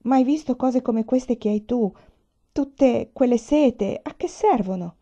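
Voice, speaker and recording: A woman voicing a calm, good-natured young peasant man who speaks plainly. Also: fairly high pitch, takes it slowly, pitched above the performer's own voice, heavily acted. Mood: wondering. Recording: dull lo-fi recording.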